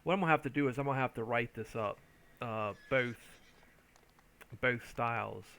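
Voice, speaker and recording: Tired gravelly man thinking aloud. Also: mid-range voice, moderate pace, pushed and bright. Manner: tired, rambling, thinks aloud with restarts and hums. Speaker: streamer playing an online game. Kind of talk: casual gameplay commentary.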